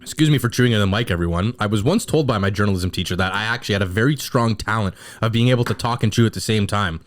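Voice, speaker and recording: A young man co-hosting a comedy podcast, relaxed and quick to laugh in casual banter. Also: lowish voice. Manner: easygoing, laughing, play-by-play cheering. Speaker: podcast co-host.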